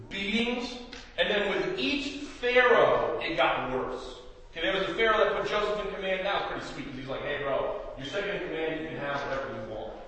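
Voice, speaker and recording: A man from Appalachia preaches a sermon to a church group in a big, booming voice that sits high for a man. He is recorded from far off with no microphone, so the big hall's long echo and a faint hum of the room trail every phrase. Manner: big loud voice; jokey, self-mocking asides. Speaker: guest preacher and youth speaker. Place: church hall, large room. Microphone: no microphone, picked up from a distance. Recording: echoey hall from far off.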